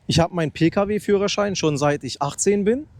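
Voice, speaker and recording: This thirty-something motorcycle vlogger talks casually and unscripted outdoors next to a roaring motorcycle, restarting and rambling into a close-held handheld mic. His high-pitched, darkish voice moves at normal speed over a slight hiss or hum.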